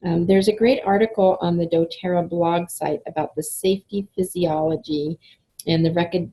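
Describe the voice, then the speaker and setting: Chatty woman with a gravelly, husky voice. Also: lowish voice, fairly even intonation, moderate pace, mellow, poor audio. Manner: chatty, enthusiastic, frequent fillers and laughs. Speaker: essential oils presenter. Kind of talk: casual online class talk.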